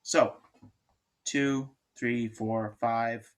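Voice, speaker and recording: A man's voice: medium pitch, steady tone, extremely slow. A man lecturing on chemistry in an informal, joking way, thinking aloud and restarting sentences. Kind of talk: classroom lecture.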